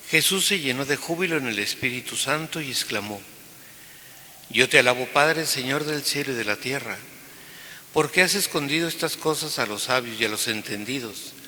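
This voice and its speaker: A man's voice: medium pitch, moderate pace, bright, forceful tone. A priest proclaiming the gospel and then preaching a reflective homily at mass, his voice carried by a cathedral echo. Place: large church. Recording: long church reverb with faint hiss.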